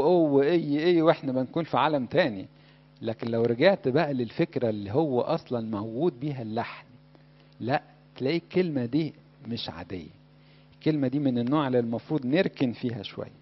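Fast-talking Egyptian preacher, lo-fi sound. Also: male voice, mid-range voice. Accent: Egyptian Arabic. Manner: conversational, asks the audience questions. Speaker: Coptic preacher. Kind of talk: sermon. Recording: dull lo-fi recording.

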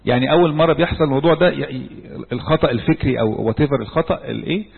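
Fast husky Egyptian man preaching in hall. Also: medium pitch. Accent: Egyptian Arabic. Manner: questions the listeners and answers himself, with tray example. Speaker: church speaker. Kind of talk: sermon-style talk to a group. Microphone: handheld microphone. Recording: echoey hall on a tinny phone-like recording.

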